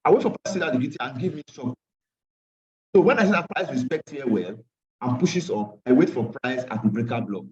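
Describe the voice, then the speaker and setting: Worn out after a long day, this man leads a live online class on trading charts with a medium-pitched, lively voice and a brisk pace. A crowd can be heard behind him, he repeats himself and drops Pidgin asides, and the call audio is distant and dull.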